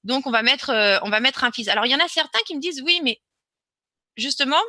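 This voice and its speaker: Woman hosting a webinar on her computer mic, high and bright, lots of ums and restarts, dry sound. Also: expressive, rapid-fire, no echo. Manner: chatty, hesitant with many fillers and restarts. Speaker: webinar presenter. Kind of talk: live webinar Q&A, casual explaining.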